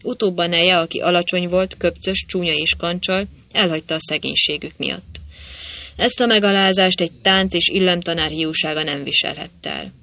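A male narrator reads a humorous novel aloud in scripted audiobook style. His storytelling is lively and ironic. His tone is bright and clear. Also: sits high.

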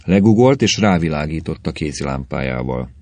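A man narrating a short story aloud in a measured, steady storytelling manner. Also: very deep voice, dry recording. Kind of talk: audiobook reading of a short story.

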